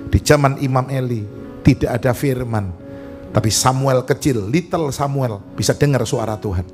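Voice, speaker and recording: A man's voice: medium pitch, moderate pace, over music. A male pastor preaching a sermon, telling stories with jokes and asking the congregation questions. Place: church service.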